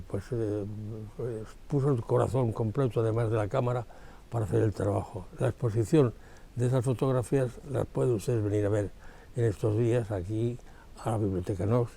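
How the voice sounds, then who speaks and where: Male presenter, gravelly and dark, leisurely delivery with fillers. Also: medium pitch. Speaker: TV program host. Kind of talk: studio presentation.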